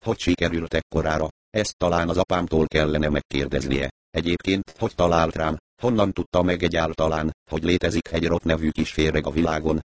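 A man's voice: rumbling low, steady tone, hardly any pauses, dry recording. Man voicing a tiny sarcastic crook. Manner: sarcastic, whiny, crude. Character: tiny sly sarcastic middle-aged man.

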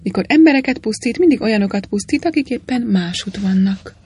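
A woman voicing a mild, clumsy old priest in a storybook reading, meek and fussy, with a husky tone. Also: medium pitch, animated, mellow.

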